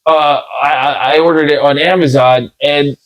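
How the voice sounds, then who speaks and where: A man's voice: fairly high pitch, steady tone, moderate pace, low-quality recording. A middle-aged man co-hosting a podcast, rambling and joking with many restarts. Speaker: podcast co-host. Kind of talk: casual comedic chat.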